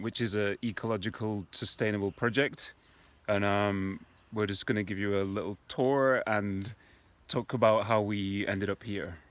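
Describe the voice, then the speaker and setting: A man in his thirties from the United Kingdom, giving a relaxed, rambling tour outdoors with many ums. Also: on the low side, clean tone. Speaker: architect giving a house tour. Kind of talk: casual guided tour. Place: outdoors in the countryside.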